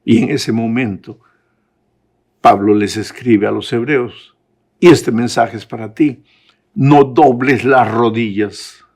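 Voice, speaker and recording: Guy preaching a bible lesson, gravelly voice, gets really fired up and pleading. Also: medium pitch, slow, a little mellow. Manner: impassioned preaching, rising to emphatic peaks. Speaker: pastor. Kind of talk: sermon-style Bible lesson. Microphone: close mic, recorded for a lesson.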